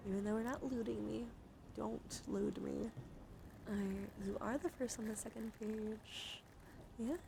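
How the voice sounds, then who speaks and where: A woman ASMR streamer and livestream host chats casually with her viewers in an informal, slangy way. Her voice is on the high side with a steady tone, a little slow and creaky, against a noisy background.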